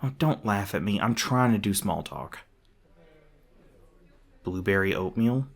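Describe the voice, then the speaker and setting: The same gruff, defensive monster hunter, voiced fairly low by a man in an intimate ASMR roleplay drama, fumbles through awkward small talk. He speaks a little slowly and expressively in a full character voice, casual and swearing, with awkward hesitations revealing that he secretly cares.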